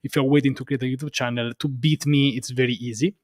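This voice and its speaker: An Italian man with a heavy Roman accent speaks English as a second language, chatting casually as an interview guest; he's a developer advocate and content creator. His delivery is halting and self-deprecating, with repetition, at a medium pitch and steady tone. The recording is dry and studio-clean.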